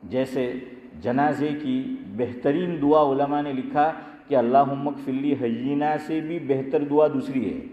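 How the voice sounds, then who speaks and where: A male preacher delivers a storytelling lecture in a big room with long, ringing reverb. He often poses a question and answers it himself. The sound is muffled and lo-fi. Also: medium pitch. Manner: asks rhetorical questions and answers them himself; lively storyteller, rises sharply when telling jokes. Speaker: Islamic scholar and teacher. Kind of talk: Urdu religious lecture with anecdotes. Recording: echoey hall, dull lo-fi sound.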